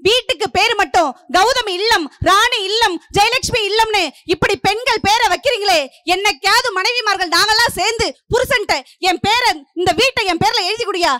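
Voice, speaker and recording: A woman's voice: very high-pitched, sharp tone, no room sound, studio quality. A middle-aged woman from Puducherry giving a stage debate speech, declaiming in rhythmic parallel lines and pressing her point. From Puducherry, India. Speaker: debate speaker.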